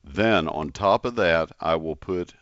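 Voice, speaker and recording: A man hosting a gardening radio show, speaking in a deliberate, instructional way as he spells out and repeats details. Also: sits low, a bit bright, no room sound, dull audio. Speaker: gardening call-in radio host. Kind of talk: live radio ad reads and caller advice.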